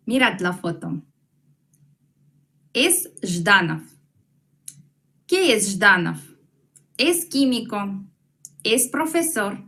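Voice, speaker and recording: Woman, language teacher, very slow, patient and repetitive, mid pitch. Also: a bit bright. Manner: slow, patient, repeats words for students to echo. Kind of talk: online language lesson.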